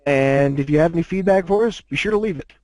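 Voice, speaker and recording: A man's voice: fairly high pitch, fast talker, darkish tone, no echo. A man co-hosting a casual podcast chat, speaking thoughtfully and hesitantly through a glitchy mic that makes him sound robotic. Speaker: podcast co-host discussing a fanfic reading.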